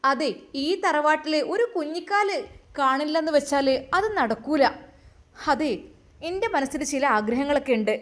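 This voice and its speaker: A woman playing a loud, scolding Malappuram mother-in-law. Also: high-pitched, animated, moderate pace. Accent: Malappuram Malayalam. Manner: loud, nagging and taunting. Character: scolding older mother-in-law, stern and domineering. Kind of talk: amateur story drama reading.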